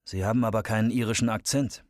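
A man voicing a guarded, deadpan young ex-convict in an audiobook, speaking low and subdued. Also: fast, no echo, studio quality, natural voice. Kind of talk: audiobook character voice.

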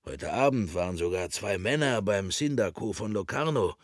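A man voicing a gruff scarred man who leads a group of boys, talking low and curt. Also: animated, moderate pace, no room sound, studio quality. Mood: hushed. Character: gruff scarred man, leader of the child transport.

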